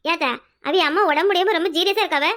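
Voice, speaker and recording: A very high, bright voice for a young daughter-in-law in a village cartoon, as a woman puts her on. She argues back quickly in Kanyakumari Tamil. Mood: pleading. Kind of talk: cartoon voice acting.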